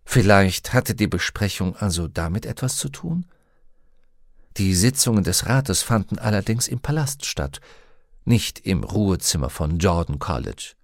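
A man reading an audiobook as narrator, telling the story in a steady, measured way. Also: low-pitched, creaky, no echo, clean studio sound. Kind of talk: scripted narration.

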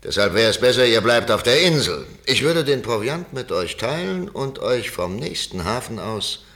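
An actor playing a cunning one-legged pirate leader in a radio play, sly and wheedling, bursting into shouted threats. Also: male voice, medium pitch, very animated, moderate pace. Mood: bargaining.

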